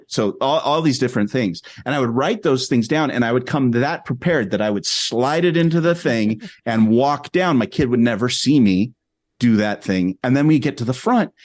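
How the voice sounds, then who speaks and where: A man, a podcast guest, telling a story in an animated, rambling way with many restarts. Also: medium pitch, no room sound, studio quality. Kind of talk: casual storytelling.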